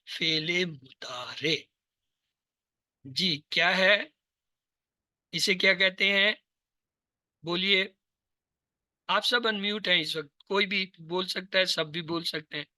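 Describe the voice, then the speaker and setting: A man teaching a language lesson to an online class over a video call, drilling word forms one by one in steady repetition. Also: high-pitched, unhurried, long pauses, dry recording, studio quality. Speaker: Arabic teacher.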